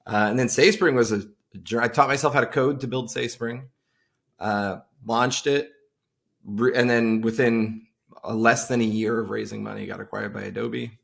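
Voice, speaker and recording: A man in his forties from Long Island, speaking with a gravelly, creaky edge as a podcast guest. He rambles loosely, circling back with fillers and restarts as he talks over a video call. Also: mid-range voice, fairly even intonation, normal speed, a bit bright. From Long Island, New York. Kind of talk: casual interview chat.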